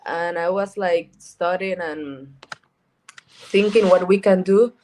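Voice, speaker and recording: A woman from Rica, a guest chatting casually in an interview, talking in a halting way with repeated words and lots of fillers. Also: on the low side, a little mellow. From Costa Rica. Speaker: guest, cannabis events organizer.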